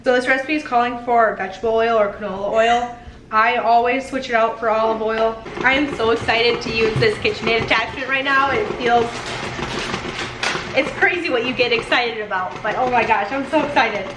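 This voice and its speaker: A young woman's voice, on the high side and at a moderate pace, carries through an echoey kitchen with faint room noise. She's a homestead cooking vlogger doing a casual, upbeat, rambling vlog from home, a bit congested from a head cold.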